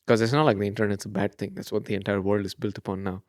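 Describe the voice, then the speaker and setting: A young man co-hosting a podcast in casual chat, asking questions in a relaxed way and laughing easily. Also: fairly low pitch, rapid-fire, no echo, clean studio sound. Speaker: podcast co-host.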